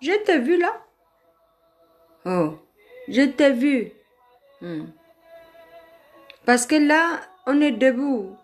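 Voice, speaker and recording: A woman's voice: high voice, very animated, very slow, long pauses, soft background music. A woman from Ethiopia whose first language is Amharic, talking to her viewers in a confrontational way and repeating her warnings over and over. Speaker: vlogger. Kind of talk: casual talk to viewers.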